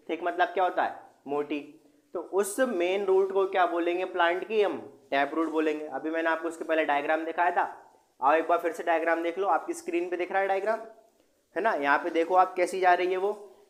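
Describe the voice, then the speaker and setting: A male teacher giving an online class, who asks his students questions and answers them himself and mixes English terms into his explanations. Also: sits high.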